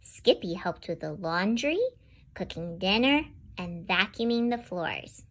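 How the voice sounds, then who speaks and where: A woman host reads a picture book aloud to children, talking straight to her young listeners in an animated way. Her voice is on the low side and a little slow.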